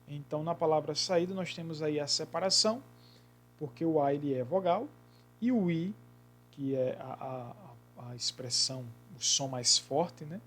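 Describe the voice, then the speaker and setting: A man's voice: on the high side, fairly bright tone, soft background music. Patient male grammar teacher. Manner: explains patiently, repeating key words slowly. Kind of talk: grammar lesson.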